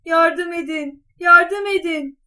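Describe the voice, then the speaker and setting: A woman's voice: fairly high pitch, normal speed, lightly acted. A woman voicing a clever, scheming talking cat in boots in a storybook reading, bold and courtly in manner. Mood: frantic.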